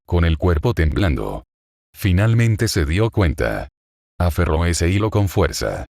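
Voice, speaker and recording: A man narrating a fan fiction story aloud in a steady, dramatic reading. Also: deep voice, no room sound, studio quality.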